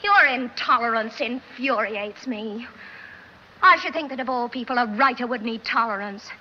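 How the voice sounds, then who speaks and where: An actress playing a haughty upper-class woman in a 1940s film, with a Mid-Atlantic accent and crisp, precise enunciation. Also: on the high side, lively intonation, normal speed, bright, forceful tone. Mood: indignant. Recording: dull old film soundtrack with hiss.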